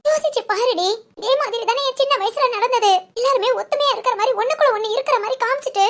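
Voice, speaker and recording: A woman's voice: very high voice, a bit bright. A woman voicing an anxious, injured young married woman in a cartoon, talking in a tearful, pleading way. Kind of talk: cartoon voice acting.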